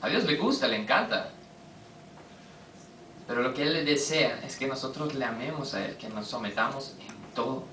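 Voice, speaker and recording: A man preaching a sermon, firing quick questions at his congregation. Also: medium pitch, animated, bright, forceful tone, slight background noise. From Costa Rica. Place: church hall. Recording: echoey hall, voice from a distance.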